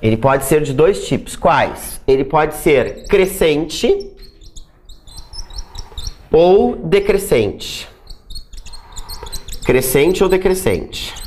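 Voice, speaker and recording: A grammar teacher leads a recorded exam-prep lesson, the voice sitting at a mid pitch but swinging widely up and down. Nearly every point closes with a quick checking "tá?" or "né?". Key rules are said over and over, and example words are drawn out slowly to show how they sound. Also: big pitch swings, a little mellow. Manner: repeats key points for emphasis.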